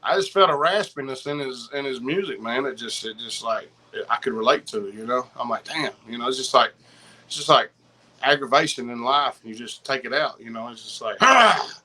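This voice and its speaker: Excitable Southern man with a bright, forceful voice. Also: mid-range voice, a little fast, poor audio. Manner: excitable, slangy, repeats himself. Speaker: podcast guest. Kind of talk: casual chat, rambling anecdotes.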